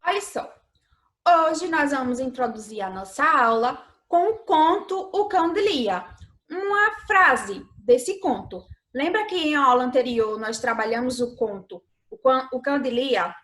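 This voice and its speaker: A Brazilian primary school teacher with a Brazilian Portuguese accent gives a recorded remote lesson, patiently drawing out key words and asking her pupils questions. Her voice is high-pitched and fairly bright, with lively intonation.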